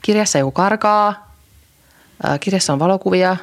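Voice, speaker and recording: A young adult woman co-hosting a podcast, chatting in a rambling way with many fillers and restarts. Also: medium pitch. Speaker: podcast co-host. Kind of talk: casual chat.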